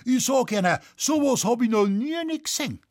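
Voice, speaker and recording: A man voicing a burly, gruff forest warden who talks bluntly in an earthy Bavarian accent in a storybook reading. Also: very high voice, lively intonation, normal speed, dry recording, clean studio sound, pitched above the performer's own voice. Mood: aggrieved. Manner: blunt, earthy dialect, drawling complaints.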